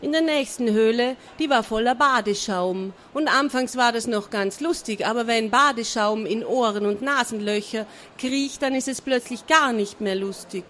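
A woman's voice: fairly high pitch, normal speed, a little hiss or hum. Woman reading a children's story aloud. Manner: lively, expressive reading with small slips.

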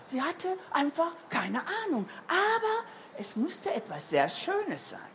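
A woman reading a picture book aloud to children, her voice high and her pace unhurried. She reads in a lively, sing-song way. Faint background noise sits under the recording.

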